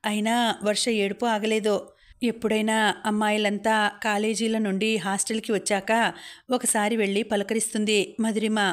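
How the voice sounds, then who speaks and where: A woman narrating a novel as an audiobook, reading steadily and evenly. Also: medium pitch. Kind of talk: scripted narration.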